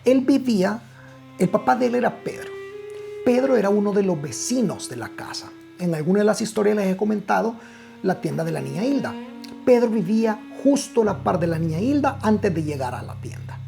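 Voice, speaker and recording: A man's voice: high-pitched, expressive, brisk, gravelly, warm tone, soft background music. A man with a Guatemalan Spanish accent telling a personal story in a casual, conversational way to returning listeners, with many fillers and restarts. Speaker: storyteller host.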